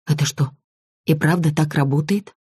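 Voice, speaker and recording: A woman voicing a nervous young man in an audiobook, who asks questions anxiously and is quick to panic. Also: low-pitched, mellow, husky, no room sound, studio quality.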